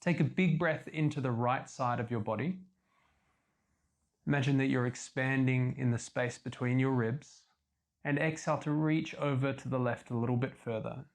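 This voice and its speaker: A man leading a guided yoga class as instructor, giving calm, measured step-by-step cues. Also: medium pitch.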